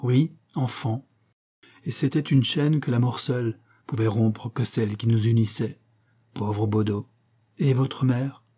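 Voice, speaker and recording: Man doing a grave, firm nobleman, dark husky tone. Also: mid-range voice, steady tone, measured pace. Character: vigorous noble stranger, grave protector.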